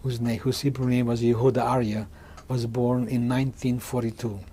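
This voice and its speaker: A man in his sixties from Hungary, giving oral history testimony in a halting way, often restarting and repeating words. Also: medium pitch, little pitch movement, warm tone, slight background noise. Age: 60s. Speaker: interviewee.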